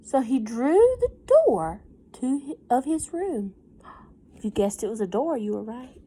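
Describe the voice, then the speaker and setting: A female teacher reads a picture book to small children, breaking in with chatty comments and questions in a gentle, expressive, teacherly way. Her voice is fairly high and slightly rough, and her pace is a little slow.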